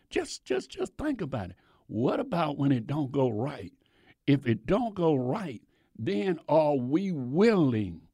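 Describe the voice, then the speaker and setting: A man preaching a sermon, repeating his phrases and swinging between loud bursts and low asides. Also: dry recording, studio quality. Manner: preaching with sudden shouts and drops, repeats phrases.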